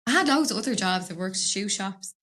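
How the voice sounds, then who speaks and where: A woman's voice: mid-range voice, expressive, a little fast, fairly bright tone. Dublin woman, podcast guest; chatty, rambling, laughs easily, studio mic. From Dublin, Ireland. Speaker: podcast guest, business owner. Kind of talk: casual interview chat.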